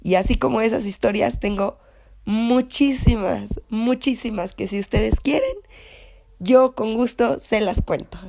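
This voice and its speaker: A woman's voice: a little high, a little slow, creaky, mellow. A young woman with a Mexican accent casually recounting a personal anecdote, rambling with many fillers and self-corrections. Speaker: story contributor.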